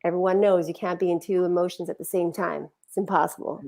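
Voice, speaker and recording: A woman with a gravelly edge to her voice talks about healing in a relaxed, conversational way. She is animated and acts out the feelings she quotes. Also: lowish voice, fast. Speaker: speaker.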